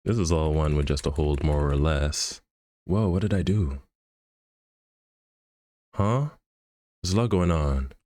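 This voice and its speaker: A man's voice: extremely low pitch, measured pace, pauses often, warm tone, no echo, clean studio sound. A man streaming live, thinking aloud and muttering to himself as he edits an animation in a casual, laid-back way. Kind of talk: casual livestream commentary while animating.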